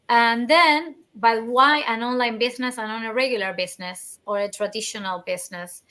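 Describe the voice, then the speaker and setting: A woman's voice: on the high side, pushed and bright. A woman from Argentina, speaking earnestly as a guest in a casual interview, often restarting her words. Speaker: guest, online business owner.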